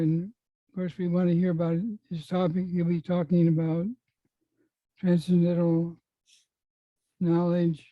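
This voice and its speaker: A host introducing a guest and asking interview questions, slow and halting. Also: medium pitch, no echo, dull audio.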